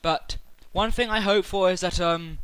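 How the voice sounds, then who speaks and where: A man talking excitedly to camera about a video game, rambling through his theories with many fillers and restarts. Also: sits high, measured pace, clean tone, no room sound, low-quality recording. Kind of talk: casual speculative chat to camera.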